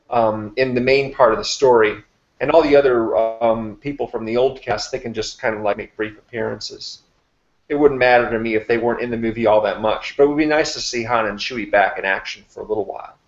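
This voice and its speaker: A man's voice: medium pitch, brisk. A man hosting a casual movie chat, talking loosely with lots of fillers. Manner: loose, rambling, filler-heavy. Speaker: host of a live movie chat. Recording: roomy, dull lo-fi webcam audio.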